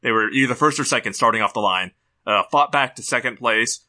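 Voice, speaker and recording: A man's voice: medium pitch, a little fast, bright, forceful tone. A young man co-hosting a podcast, chatting casually and chuckling often. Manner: laid-back, chuckles often. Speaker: podcast co-host. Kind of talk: casual chat.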